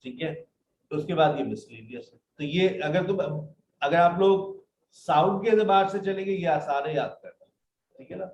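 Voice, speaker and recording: A man's voice: a little high, normal speed, a little mellow, slight background noise. A man teaching an online English class, patiently reading out word lists and calling his students "beta". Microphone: computer mic in a live video class. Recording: roomy, dull online class audio.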